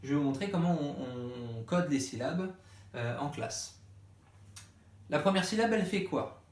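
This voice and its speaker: A male primary school teacher with a fairly high, lively voice speaks at a measured pace in an echoey room. He walks parents through a reading lesson step by step, patiently acting out the questions they should ask their child.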